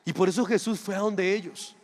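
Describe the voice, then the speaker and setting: Dramatic preacher in a reverberant hall. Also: male voice, sits high, steady tone, fairly quick. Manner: dramatic, acts out dialogue, rhetorical questions. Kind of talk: sermon.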